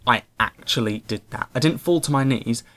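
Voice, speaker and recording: A man telling a personal story to camera in an animated, excitable way. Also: medium pitch, normal speed. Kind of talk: casual storytime monologue.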